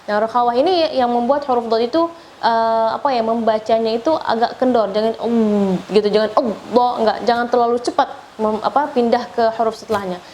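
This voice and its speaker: Over-enunciating Indonesian woman teacher, higher voice. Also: fairly even intonation, a little mellow. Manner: over-enunciates examples, drawing out syllables slowly. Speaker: Quran recitation teacher. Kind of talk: instructional feedback on recitation. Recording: clear background noise.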